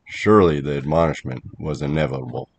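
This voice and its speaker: A man narrating a first-person horror story in a measured, dramatic way. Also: a bass voice.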